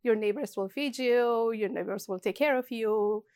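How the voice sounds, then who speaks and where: As a shop co-owner being interviewed casually, this Ethiopian woman in her forties hesitates a lot, using fillers and starting over often. Her slightly high, slightly mellow voice moves at a moderate pace, and there's no echo.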